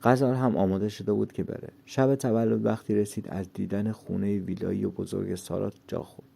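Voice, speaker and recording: Man, gravelly, very dark and mellow tone, low-pitched, steady story narration. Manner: steady storytelling, lightly voicing the characters.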